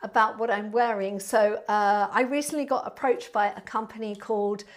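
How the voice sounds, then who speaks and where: A woman with a southern English accent chatting casually to viewers as a Pilates instructor, in a warm, friendly, chatty manner. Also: mid-range voice, steady tone, normal speed. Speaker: Pilates instructor and online class host. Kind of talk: casual livestream chat to viewers. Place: indoor studio.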